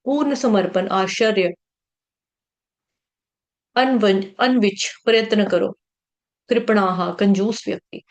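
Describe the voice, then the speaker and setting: A woman with a medium-pitched voice leads a devotional scripture class. She chants Sanskrit verses slowly and patiently shows how each should be pronounced.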